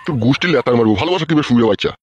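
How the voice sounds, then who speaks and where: A man's voice: medium pitch, animated, very fast, dull audio, lightly acted. A man voicing a crude, furious middle-aged village father in a comic cartoon, bellowing coarse insults. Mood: scolding.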